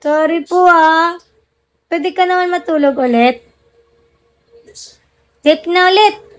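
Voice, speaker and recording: A woman livestreaming casually, cooing and teasing a sleepy pet in a soft, playful way. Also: very high-pitched, slow, low-quality recording.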